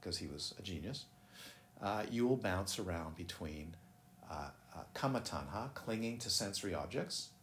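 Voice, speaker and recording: A man with a low, animated, slightly bright voice delivers a dharma talk at a moderate pace. He teaches meditation casually, rambling, interrupting himself and asking his audience questions, in a busy room with echo and faint background noise.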